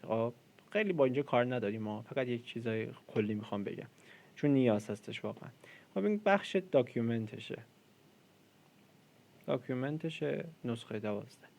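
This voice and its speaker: A man's voice: medium pitch, animated, creaky, darkish tone. A man in his twenties giving a casual coding lesson, chatty and self-deprecating, with lots of fillers. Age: 20s. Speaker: programming tutor.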